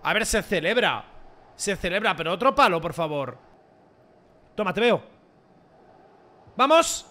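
Man, high voice, bright tone, excitable gaming commentary, repeats himself, sudden shouts. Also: unhurried, pauses often. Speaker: gaming YouTuber. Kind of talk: gameplay commentary.

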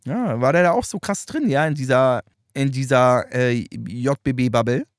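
A man's voice: medium pitch, moderate pace, no room sound, studio quality. A man giving loose, slangy reaction commentary, chatting and laughing often. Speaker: streamer reacting to rap videos.

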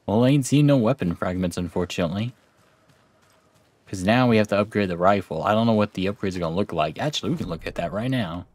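Brief: low-voiced let's-play host, casual and chatty. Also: male voice, expressive, fast, darkish tone, no echo. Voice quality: laid-back, chatty, thinking aloud. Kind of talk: casual gameplay commentary.

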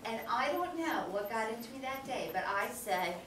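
A middle-aged woman giving a storytelling lecture as guest speaker, animated and often checking in with the audience by asking "okay?". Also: fairly high pitch, moderate pace. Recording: echoey hall, distant mic, background noise.

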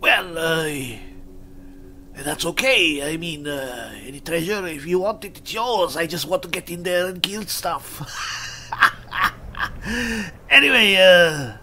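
Barbarian role-play gamer, man, higher-pitched, very slow and halting, exclamatory, in-character commentary, light noise behind. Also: animated, pushed and bright. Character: boisterous male barbarian adventurer eager to fight. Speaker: player and host of a role-play gaming series. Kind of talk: in-character video game commentary. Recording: clear background noise, game ambience.

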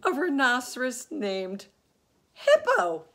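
A woman's voice: fairly high pitch, a little slow, voice pushed up, close to an everyday voice. A woman voicing a small, shy, polite young male porcupine in a storybook. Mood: laughing. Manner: polite and timid, later giggling.

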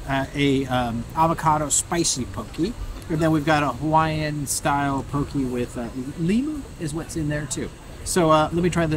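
A man talks through a food tasting, stalling as he searches for words. His voice is a bit high for a man, with clear background noise.

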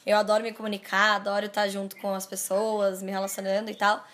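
A young woman with a Brazilian accent, chatting excitedly with fans on the phone in a bubbly, gushing way. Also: mid-range voice, a little fast. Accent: Brazilian Portuguese. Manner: bubbly, gushing, squeals and laughs. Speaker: youtuber calling fans. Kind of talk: excited casual phone chat.

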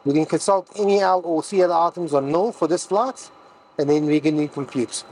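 A man's voice: fairly high pitch, normal speed, a little mellow, a little hiss or hum, low-quality recording. A man walking through a cockpit setup as a pilot instructor, reading out each setting step by step in a cockpit. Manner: methodical, reads out settings step by step. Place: aircraft cockpit.

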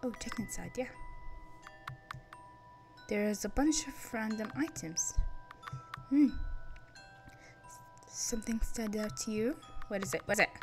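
A woman's voice: fairly high pitch, lively intonation, takes it slowly, pauses often, faint music behind. A young woman streaming a game, reading its dialogue aloud and chatting playfully, laughing at herself.

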